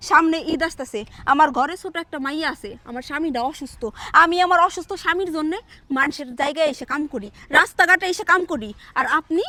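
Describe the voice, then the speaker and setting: A woman's voice: sits high, quick pace, pushed and bright, dry recording. A woman playing a defiant poor laborer. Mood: indignant. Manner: indignant, firm, demanding. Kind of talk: short-film drama acting.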